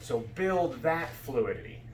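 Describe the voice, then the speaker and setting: A man's voice: fairly high pitch, big pitch swings, slow. A man giving casual, explanatory fencing instruction, often checking that his students follow. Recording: echoey room with background noise.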